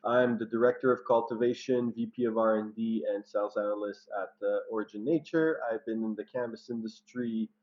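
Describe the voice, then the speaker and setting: A man's voice: fairly low pitch, steady tone. Man on a dull lo-fi video call. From Canada. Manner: friendly, slightly halting. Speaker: cultivation director. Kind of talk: panel introduction. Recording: dull lo-fi audio.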